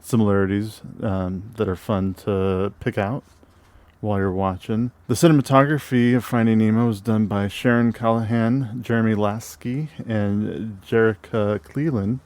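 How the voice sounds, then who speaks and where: A man co-hosting a casual movie podcast. He reads film credits haltingly, with many fillers and restarts. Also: on the low side, fairly even intonation, a little mellow. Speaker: podcast co-host.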